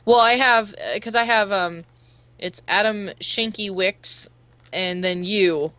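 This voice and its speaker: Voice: medium pitch, takes it slowly, sharp tone, clear, resonant tone, dry recording. A stream co-host chatting casually and reading viewer messages aloud. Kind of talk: casual live-stream chat.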